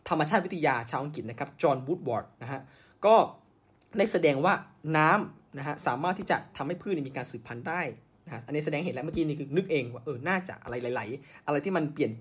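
A man's voice: fairly high pitch, fast, husky. A man hosting a podcast, telling science history in a casual way, with many fillers and self-corrections. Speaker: podcast host.

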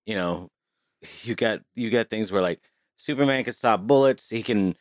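A man's voice: fairly low pitch, normal speed, dry recording, clean studio sound. A man co-hosting a podcast, chatting casually and swearing freely with many restarts, recorded inside a small closet. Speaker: podcast co-host. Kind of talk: casual chat.

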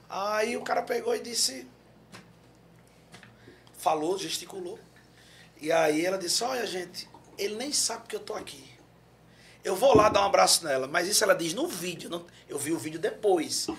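A man's voice: sits high, fairly bright tone, a little hiss or hum. A man from Paraíba with a Northeastern Brazilian accent, telling a story as a podcast guest, acting out quotes and breaking into song. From João Pessoa, Paraíba, Brazil. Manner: acts out quotes, bursts into song. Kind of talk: animated storytelling.

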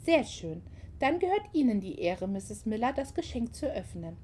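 A woman voicing a gentle, friendly young mother in a German audiobook, speaking softly and hushed. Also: fairly high pitch, big pitch swings, moderate pace, a little hiss or hum.

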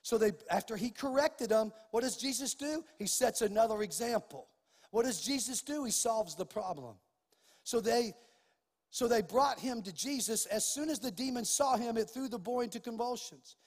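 A man with a husky, unusually high voice preaches a sermon, telling stories and rising to forceful declarations. His voice carries a long reverb through a large church hall. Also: normal speed. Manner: animated storytelling preacher, rising to loud emphatic declarations. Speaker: pastor.

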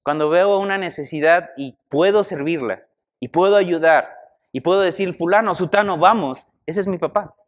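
Lively preacher man. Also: sits high, moderate pace. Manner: animated, conversational, asks the audience questions. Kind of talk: sermon.

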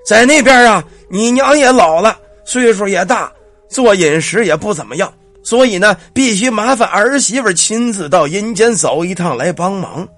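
A man voicing the ghost of a dead old father who speaks through his daughter-in-law, slow and commanding. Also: high voice, animated, fairly bright tone, no room sound, soft background music, voice pushed up, full character voice. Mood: solemn. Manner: slow, drawn-out, commanding speech.

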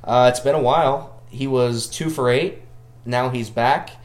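A man's voice: medium pitch, fairly even intonation, a little slow, roomy sound. Male podcast host, mid-range voice, dryly self-deprecating, chatting casually about sports. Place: living room.

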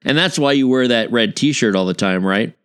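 A man co-hosting a podcast in relaxed banter. He teases his partner and keeps tossing him questions. His voice sits at a middle pitch. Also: normal speed, clean tone. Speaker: podcast co-host. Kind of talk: casual banter.

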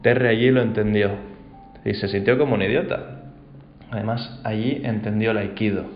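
Calm man teaching mindfulness. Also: lowish voice, moderate pace, faint music behind. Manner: calm, storytelling, reflective. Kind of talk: reflective spoken talk. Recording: roomy, slightly dull sound.

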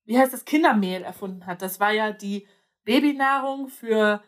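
A woman's voice: mid-range voice, normal speed. A young woman chatting casually, hesitating often with fillers and restarts. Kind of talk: casual chat.

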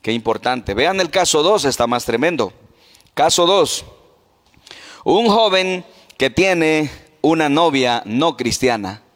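A man's voice: on the high side, animated, takes it slowly, a bit bright, big-room sound. A man preaching a sermon as pastor, putting questions to the congregation.

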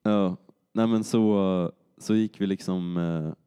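A man's voice: deep voice, fairly even intonation, mellow, clear, resonant tone. A young man casually telling a long story on a podcast, rambling with fillers and acted-out quotes.

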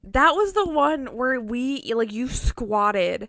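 A young woman in her twenties chatting casually with a friend on a podcast, full of fillers and quick laughs. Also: sits high, big pitch swings, fairly bright tone, no echo, clean studio sound. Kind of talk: casual chat.

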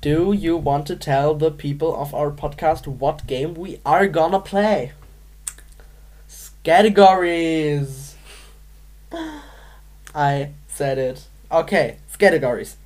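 Giggling and playful, a Manchester-born podcast co-host talks through a word game in a relaxed chat. Her low, slightly mellow voice moves slowly, and she pauses often.

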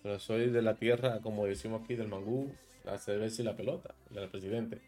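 A man in his thirties from Santo Domingo with a Dominican accent, hosting a relaxed streamed interview and explaining local slang with a laugh. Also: lowish voice, a little fast, soft background music. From Dominican Republic. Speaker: host.

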